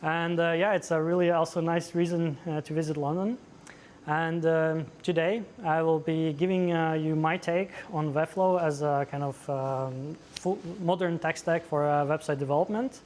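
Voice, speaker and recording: A man from Latvia with a Latvian accent, presenting at a tech meetup, pausing often with many "uh"s. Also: a little high, fairly even intonation, a little mellow, slight background noise. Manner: hesitant, many fillers. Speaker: conference speaker. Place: meetup venue.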